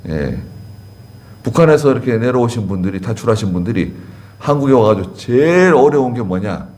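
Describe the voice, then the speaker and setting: A man's voice: mid-range voice, big pitch swings, fairly quick, a little mellow. A man pastor preaching a sermon in a conversational way, repeating key words and asking the congregation questions. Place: church sanctuary.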